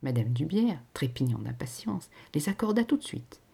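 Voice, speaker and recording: A woman reading a classic short story aloud in an expressive, varied storytelling manner. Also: sits low, moderate pace, gravelly, husky. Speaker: narrator. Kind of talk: literary reading.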